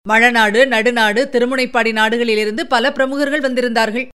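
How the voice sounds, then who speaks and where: A woman's voice: on the high side, steady tone, normal speed, a bit bright, smooth, close to an everyday voice. Woman voicing a polite young warrior messenger. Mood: humble. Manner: polite, deferential replies.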